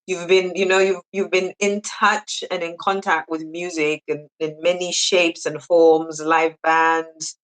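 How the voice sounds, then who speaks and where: Podcast host, gushy, says it again and again, middle pitch. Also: level tone, unhurried, clean tone, rough recording. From Zambia. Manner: warm, effusive, repeats praise. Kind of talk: interview podcast.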